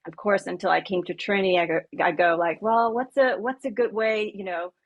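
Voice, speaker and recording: A woman in her late thirties from Malaysia, speaking on a coaching panel in a halting way with many pauses and easy laughs. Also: mid-range voice, steady tone, dull audio. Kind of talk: panel discussion.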